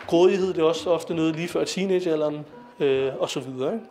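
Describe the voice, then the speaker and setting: A man's voice: fairly high pitch, a little mellow, soft background music. A young man giving an informal lecture to young people, talking conversationally with fillers and asking his listeners questions. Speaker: lecturer on Sikh philosophy.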